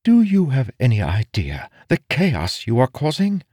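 A man voices a cool, commanding noblewoman in a fantasy audiobook, curt and imperious, with an impatient mood. His mid-range voice, pitched above his natural one yet close to everyday speech, is a little mellow, with lively intonation and a moderate pace. The recording is studio quality with no room sound.

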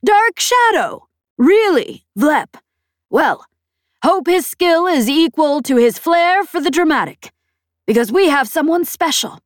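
A woman voicing a haughty, theatrical female pirate leader in an audiobook, with a shrill, loud voice. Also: big pitch swings, a little slow, hardly any pauses, no echo, clean studio sound. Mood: mocking.

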